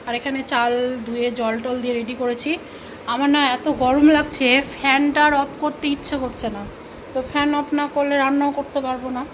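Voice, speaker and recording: A woman chatting casually in her home kitchen while she cooks for a vlog, rambling and correcting herself often. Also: high-pitched. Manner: chatty, rambling, self-correcting, many fillers. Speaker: cooking vlogger. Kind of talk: casual cooking vlog chat. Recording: fan hum and room noise.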